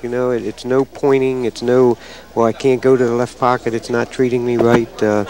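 A man's voice: mid-range voice, flat delivery, normal speed, a little hiss or hum. A man giving bowling color commentary in a chatty way, working out scores aloud.

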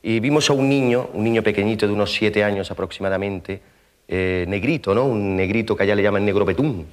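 Male stand-up, lowish voice, lively stage storyteller, throws in sound effects and asides to the audience. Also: fairly quick. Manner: conversational, with frequent tag questions. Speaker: stand-up comedian. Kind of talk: comic stage monologue. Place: theater stage.

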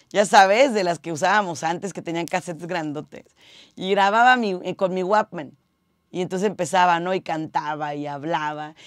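Brief woman radio host, slightly husky, upbeat and direct, dry studio booth sound. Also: mid-range voice, no room sound. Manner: upbeat, direct, addresses viewers as family. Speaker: radio host and public speaking coach. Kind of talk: motivational tip video. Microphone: studio mic with monitoring headphones.

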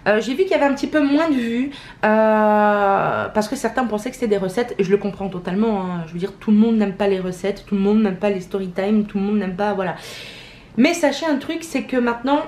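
A woman's voice: mid-range voice, fairly quick, darkish tone. A young woman, chatting casually to camera at home in a vlog, with lots of fillers and self-mocking laughs. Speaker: vlogger. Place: at home, indoors. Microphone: camera mic, handheld and held by partner.

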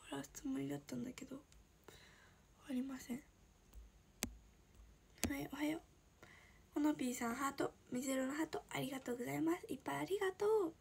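An 18-year-old woman from Shizuoka, Japan, chatting casually on a livestream and answering viewer comments, often slipping into a soft breathy whisper. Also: sits high, fast, pauses often, noisy background. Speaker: idol livestreamer.

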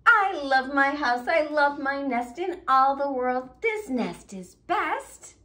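A woman voicing a calm, content mother bird in a children's storybook. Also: mid-range voice, slow pace, lightly acted. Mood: singing.

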